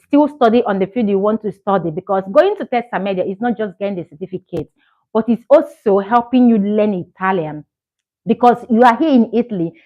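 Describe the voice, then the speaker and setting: In a casual chat to camera, a Nigerian woman in her thirties talks earnestly as a vlogger, encouraging viewers and repeating herself for emphasis. Her voice is mid-range, and the sound is lo-fi.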